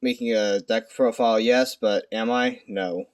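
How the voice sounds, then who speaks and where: Hushed, halting young man, lowish voice. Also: fairly even intonation, clean tone. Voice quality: hushed, quiet night-time voice. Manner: halting, self-deprecating, stumbling over words. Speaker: amateur video creator presenting a card deck. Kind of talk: casual unscripted card game deck profile. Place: at home at night.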